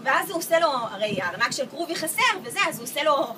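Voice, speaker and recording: Lively high-voiced woman telling a story. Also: background noise. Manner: lively, acts out quoted voices with laughter. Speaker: storyteller at a gathering. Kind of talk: casual animated storytelling. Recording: distant mic with loud crowd chatter. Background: crowd of people talking.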